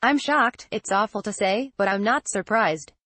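A woman reading a news article aloud as scripted narration, in an even, flat delivery. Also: medium pitch, normal speed, no room sound. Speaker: news reader.

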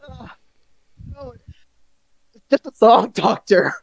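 A man's voice: very high voice, gravelly, no echo. A man playing in a tabletop game, talking in a hesitant way with chuckles and frequent restarts. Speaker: player. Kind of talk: in-character tabletop play.

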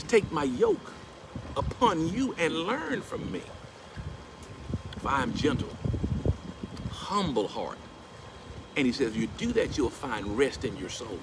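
A middle-aged man with a mid-range voice shares a story in a casual vlog, speaking to a phone camera at arm's length beside a pool at a house. Quoting scripture, he grows animated and rises into emphatic preaching. The outdoor recording has steady background noise.

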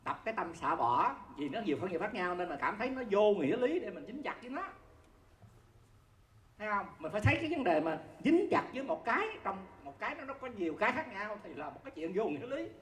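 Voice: medium pitch, big pitch swings, quick pace, a bit bright. A Buddhist teacher gives a conversational dharma talk to an audience, often asking listeners whether they see the point and chuckling while explaining. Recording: roomy echo with faint background noise.

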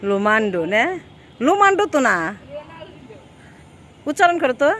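Outdoors by the water, a woman vlogger talks casually and coaxingly to a child, asking questions and giving gentle instructions. Her voice is high with big pitch swings, and she speaks at normal speed.

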